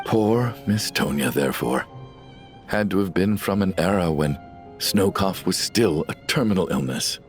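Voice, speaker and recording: In video game voice acting, a man with a deep, expressive voice plays a stubborn, desperate middle-aged father in grief. He speaks unhurriedly and sombrely, pleading in anguish before rising to shouts, over game audio with faint music.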